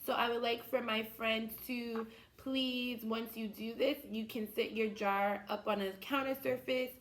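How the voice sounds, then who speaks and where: A woman's voice: a little high, steady tone, unhurried. A woman teaching young children step by step, in the manner of a kids show host. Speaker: children's teacher hosting a science activity.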